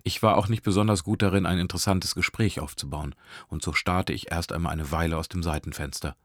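A man narrating a first-person story in an even, storytelling way. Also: low voice, brisk, dry recording, studio quality.

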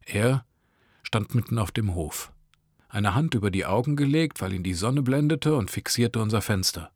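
A man's voice: on the low side, lively intonation, moderate pace, darkish tone, no echo, clean studio sound. Man reading a sardonic story. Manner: sardonic, crude first-person narration. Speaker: narrator. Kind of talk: reading a short story aloud.

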